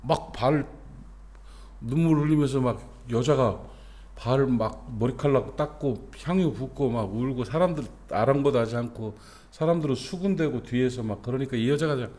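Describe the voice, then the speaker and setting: A man's voice: medium pitch, moderate pace, darkish tone. A middle-aged man, a senior pastor, preaching a dawn service sermon in a conversational way, with rhetorical questions and many fillers, rising to emphasis on his main points.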